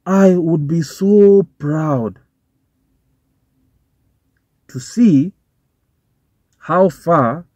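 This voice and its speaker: Filming himself from a parked car on a phone or dashboard camera, a young Kenyan vlogger offers informal, swearing commentary that switches between English and Swahili slang. His husky, warm voice sits on the high side, and he speaks extremely slowly with long pauses. The recording is dry and dull, with no room sound.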